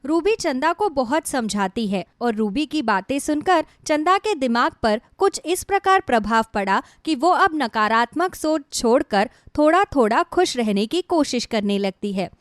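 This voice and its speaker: A woman narrating a scripted bedtime moral story in an even, measured storytelling manner. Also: high voice, no echo, studio quality.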